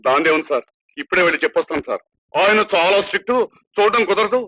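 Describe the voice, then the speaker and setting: A man's voice: high voice, expressive, fast talker, pushed and bright, heavily acted. An actor playing a humble, kind-hearted prison constable who talks earnestly and deferentially to his boss, in a film drama with a dull, lo-fi soundtrack. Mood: chatty, deferential.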